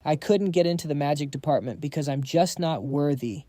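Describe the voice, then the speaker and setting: A man's voice: fairly high pitch, brisk, warm tone, dry recording, clean studio sound, lightly acted. A man voicing a pompous young noble who stammers and wails. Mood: wailing. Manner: stammering, wailing.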